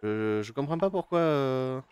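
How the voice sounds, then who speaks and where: A man's voice: medium pitch, animated, measured pace, darkish tone, clear, resonant tone, dry recording, faint music behind. A man streaming a game live, hesitant and full of fillers, chatting with his viewers and reading game text aloud. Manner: hesitant, many fillers and restarts, chats with viewers.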